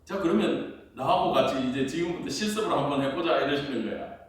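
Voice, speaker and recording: A man's voice: mid-range voice, expressive, a little fast. A male pastor preaching a Friday prayer service sermon, telling his own story and acting out his prayers and conversations. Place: church sanctuary. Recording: very echoey church hall, mic far off.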